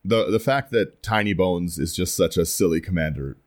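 Deep-voiced man chatting on a podcast. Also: normal speed. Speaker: podcast host. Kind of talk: casual podcast chat.

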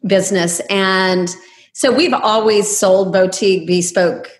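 A woman's voice: medium pitch, fairly even intonation, unhurried. Female guest, 50s, chatty conversational interview delivery, mid-range voice. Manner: chatty, anecdotal. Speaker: interview guest, travel agency owner. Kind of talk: casual conversational interview talk.

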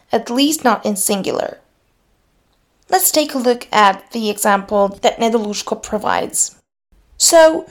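With a slightly high voice, this Serbian-native woman explains grammar in a scripted lesson for her linguistics podcast. She stays measured, slipping into Slavic phrases as examples.

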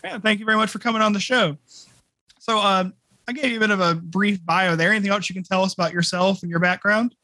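A man's voice: high-pitched, fairly even intonation, fast, pushed and bright, no room sound. A man hosting a podcast, reading a scripted introduction and then asking questions with hesitant "you know" fillers. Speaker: podcast host. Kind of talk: podcast interview.

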